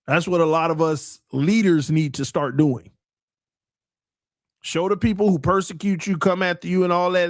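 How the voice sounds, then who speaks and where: This is a sports podcast host, a man in his 40s, pitched fairly high, preaching earnestly at the mic in a casual monologue. Repetitive in manner, he builds toward emphatic preaching, and the sound is clean studio audio without echo.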